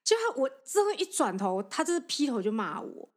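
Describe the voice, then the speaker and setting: A woman with a Taiwanese Mandarin accent chats casually as a podcast co-host. Her voice rises and falls widely while she tells everyday stories. She laughs easily between lines. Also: a little high. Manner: animated storytelling, quick laughs. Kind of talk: casual chat.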